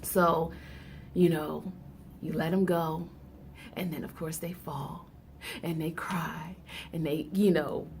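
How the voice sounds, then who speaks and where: A woman's voice: low-pitched, fairly even intonation, slow pace, long pauses, darkish tone, a little hiss or hum. A mother hosting her own video blog from home, talking casually to camera in a slangy, chatty way and laughing often. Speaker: vlog host. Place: indoors at home.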